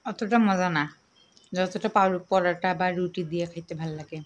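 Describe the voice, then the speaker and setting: A woman vlogger from Rangpur, Bangladesh, talking softly and casually to the camera at a meal at home. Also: on the low side, steady tone, normal speed, slight background noise. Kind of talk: casual chat to camera while eating.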